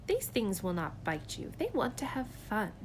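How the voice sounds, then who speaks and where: A woman's voice: mid-range voice, huge pitch swings, normal speed, noisy background. Woman voicing The Cat in the Hat, bouncy and showy. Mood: cheerful. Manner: bouncy, reassuring sing-song.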